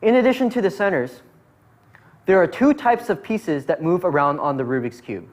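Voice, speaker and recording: A man teaches a puzzle technique in a step-by-step tutorial, his high voice expressive and his pace moderate. As an instructor, he stays patient and methodical throughout.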